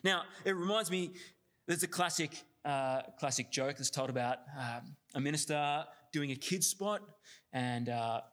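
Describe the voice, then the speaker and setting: A man's voice: on the high side, a little slow, a bit bright. A man reading scripture steadily, then preaching with many fillers and restarts.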